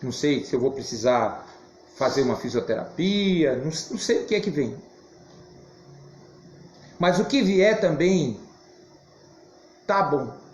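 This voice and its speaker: A hoarse man teaching an adult Sunday school class, speaking emphatically and now and then shouting. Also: on the high side, a little slow, pauses often. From Brazil. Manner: animated, emphatic, occasional shouting. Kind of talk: church Bible class teaching. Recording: roomy, dull, faint hiss.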